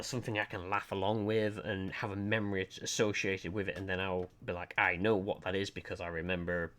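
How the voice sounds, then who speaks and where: With a fairly low, fairly bright voice, a man with a Lancashire accent from Lancashire, England, talks casually to viewers on his art livestream. He rambles, chats, runs himself down and hesitates with frequent ums, using a desk mic while his webcam stays off.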